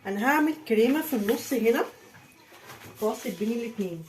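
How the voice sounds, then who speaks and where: A woman's voice: a little high, expressive, quick pace, darkish tone. A woman with an Egyptian accent chatting to viewers as she decorates a birthday cake in her home kitchen. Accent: Egyptian Arabic. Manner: chatty, talks viewers through each step. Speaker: home baking vlogger. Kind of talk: casual cake-decorating tutorial.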